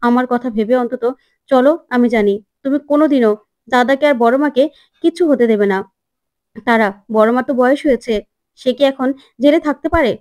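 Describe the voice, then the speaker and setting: A woman voicing a gentle, caring young woman who pleads softly and earnestly. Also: high-pitched, a little fast, long pauses, dry recording, studio quality, lightly acted. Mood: pleading. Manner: soft, quiet, earnest pleading.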